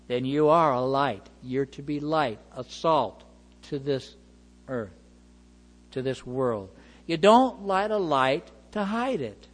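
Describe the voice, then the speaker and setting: A man preaching a sermon, reading scripture aloud and explaining it with expressive emphasis. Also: on the high side. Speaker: pastor. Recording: long hall reverb.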